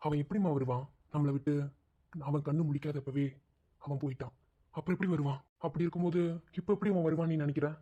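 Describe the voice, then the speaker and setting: A man voicing a worried village husband in an animated drama, who asks anxious questions again and again. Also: a little high, fast talker, slightly rough, highs cut off. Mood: reasoning. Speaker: cartoon voice actor.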